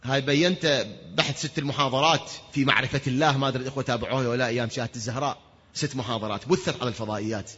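A man preaching a religious lecture, asking rhetorical questions and answering them himself, sometimes stretching words into long shouts. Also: medium pitch, fairly even intonation, rapid-fire, husky. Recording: dull sound with long hall reverb.

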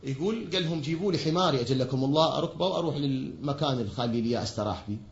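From the pulpit of a large hall, an Iraqi Arabic-accented man preaches at a racing pace in an animated, gravelly mid-range voice. He's emphatic, asking rhetorical questions and answering them himself. The sound is lo-fi and dull, echoing around the hall.

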